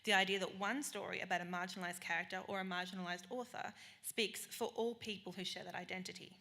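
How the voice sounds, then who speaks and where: A woman leads a live panel talk, her fairly low voice rapid and bright. She is enthusiastic, and she tosses in jokey asides between her questions. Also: fairly even intonation. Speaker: panel moderator. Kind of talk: conversational panel moderating.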